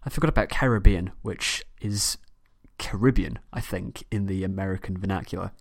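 A British man hosting a history podcast, reading a scripted narration in a measured way with chatty personal asides. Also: low-pitched, fairly even intonation, vocal fry. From United Kingdom.

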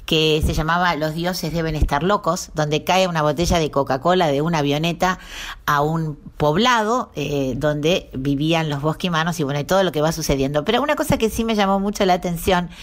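A woman's voice: low voice, fairly quick. A woman, interviewing a guest with curious, long-winded questions.

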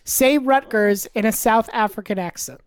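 A woman co-hosting a podcast in casual chat, tossing off quick jokes. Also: a little high, clean tone. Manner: quick, joking asides. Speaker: podcast co-host.

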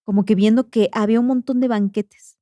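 A woman with a Mexican accent hosts a podcast and retells a guest's eerie dream. She talks casually, with plenty of slang, and acts out the quotes. Her voice is mellow, dry and close to the mic. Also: fairly high pitch, steady tone, brisk, no room sound. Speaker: podcast host. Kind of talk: retelling a guest's ghost story.

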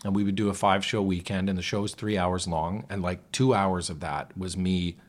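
A man's voice: low-pitched, steady tone, moderate pace. A man, a musical theatre actor, talking as a guest in a casual conversation, reflective and rambling, often restarting his sentences.

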